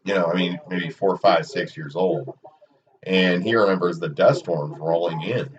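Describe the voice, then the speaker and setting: A man with an Oklahoma Okie accent chatting casually and haltingly as a sports livestream commentator. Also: low voice. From Oklahoma, United States. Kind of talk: casual rambling chat during a match stream. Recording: muffled, distant mic with background noise.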